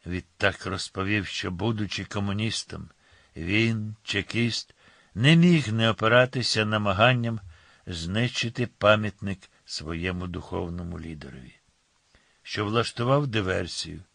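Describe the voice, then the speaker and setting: A man narrating an audiobook in a measured, ironic storytelling manner. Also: lowish voice, vocal fry, fairly bright tone, no echo. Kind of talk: scripted narration.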